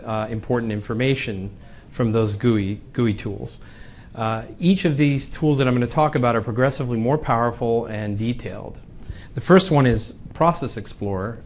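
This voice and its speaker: A man presenting a technical session at a conference, relaxed and joking, with some fillers. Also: medium pitch, slight background noise. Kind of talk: conference tech talk. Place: conference room.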